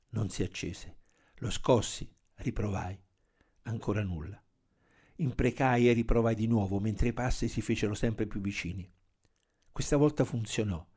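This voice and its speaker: A man reading a first-person crime story aloud in a steady, measured manner. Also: on the low side. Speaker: narrator. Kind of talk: scripted narration of a crime story.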